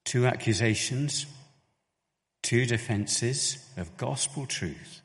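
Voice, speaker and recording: A man preaching a sermon, earnest and animated, his voice climbing sharply when he quotes scripture. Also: medium pitch, slow. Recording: long hall reverb.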